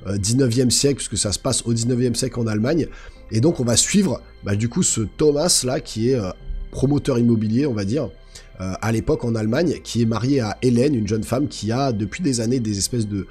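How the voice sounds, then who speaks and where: A man with a hoarse, guttural, slightly sick-sounding voice, giving a casual, enthusiastic film review as a channel host. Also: mid-range voice, a little fast, a little mellow, faint music behind.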